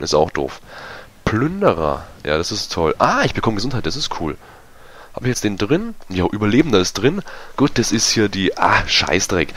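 Hoarse, chatty gamer guy. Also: fairly low pitch, fairly bright tone. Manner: chatty, self-mocking, many fillers. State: voice going hoarse. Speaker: gaming YouTuber. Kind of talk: casual let's-play commentary.

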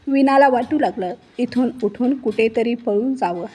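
A woman narrating a written story with a steady, expressive reading. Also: on the high side, moderate pace, breathy edge.

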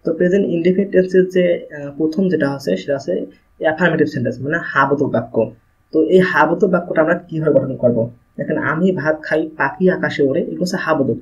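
A man's voice: fairly high pitch, racing, breathy edge. A man with a Bangladeshi accent teaching an English grammar video lesson, explaining step by step and asking and answering his own questions. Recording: muffled lo-fi recording.

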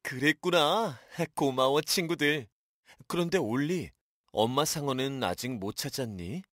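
Casting: gentle cartoon father shark, deep, slow, warm, dry sound. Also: expressive, no room sound, heavily acted. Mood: warm, relieved. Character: gentle, caring daddy shark, male adult. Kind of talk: children's cartoon acting.

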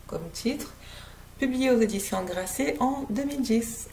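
A book reviewer from French Guiana, sitting close to her laptop webcam in her living room, casually reviews a novel with much hesitation and filler. Her fairly high, gravelly voice is unhurried and darkish in tone, and there's slight background noise.

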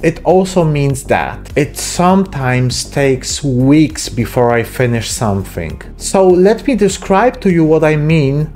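A man in his thirties hosts a miniature painting channel and narrates a casual, self-deprecating hobby tutorial, recorded up close on a desk microphone with a pop filter in a small room. His voice sits fairly high and a little mellow, very animated yet unhurried, with hardly any pauses. Faint music plays behind him.

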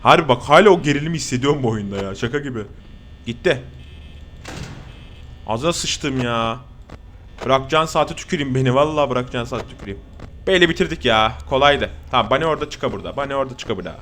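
A man giving casual, jokey horror gameplay commentary as a streamer. He gets excitable, swears often and talks straight to his viewers. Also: mid-range voice, quick pace, a little hiss or hum. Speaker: gaming streamer.

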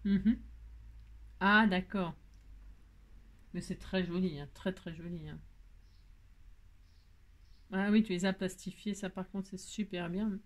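This time the craft vlogger's voice is lowish and steady, slow and full of pauses, as she casually opens her mail. She still gushes over each piece, says "trop joli" again and again, and baby-talks to her cat.

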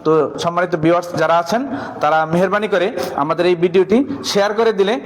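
A man from Bangladesh, teaching in a classroom with a board. He leads the class in call-and-response drills and slow chanted rhymes. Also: high voice. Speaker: madrasa teacher.

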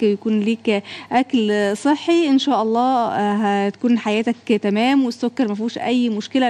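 A woman TV host with an Egyptian accent, wrapping up a live talk show and addressing viewers directly. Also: on the high side. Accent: Egyptian Arabic. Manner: warm closing remarks, many supportive backchannels.

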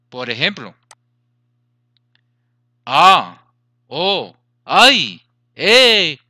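A man's voice: on the high side, sharp tone, no room sound, studio quality. A man teaching a grammar lesson, explaining patiently, repeating points and checking that students follow.

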